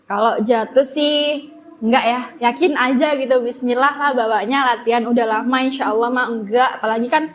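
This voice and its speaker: A young woman speaking as an interview guest in a relaxed, chatty way, with frequent fillers and a loose, easy flow. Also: fairly high pitch, moderate pace, a little hiss or hum. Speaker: guest, former flag-raising team member. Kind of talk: casual interview chat.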